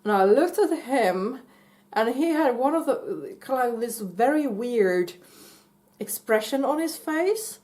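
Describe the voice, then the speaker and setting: A woman casually telling a personal story in a halting way, full of fillers and restarts and breaking into giggles. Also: fairly high pitch, lively intonation, darkish tone. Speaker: vlogger.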